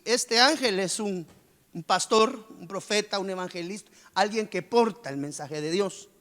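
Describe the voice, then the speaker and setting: A man preaching a sermon as pastor, with sudden surges of pitch and force, acting out worried church members. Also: fairly bright tone. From Guatemala. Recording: long reverb of a church hall.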